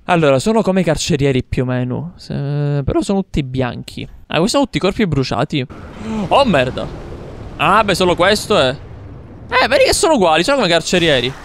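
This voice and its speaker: Animated gamer taunting enemies. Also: male voice, fairly high pitch, a little fast, a little hiss or hum. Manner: taunting enemies, swearing, laughing. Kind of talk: let's play commentary.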